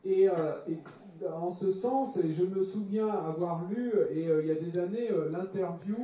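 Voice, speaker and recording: A man's voice: high-pitched, moderate pace, mellow. A man interpreting a teaching with hesitant phrasing and frequent restarts. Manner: hesitant, many fillers and restarts. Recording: echoey room, distant mic, faint noise.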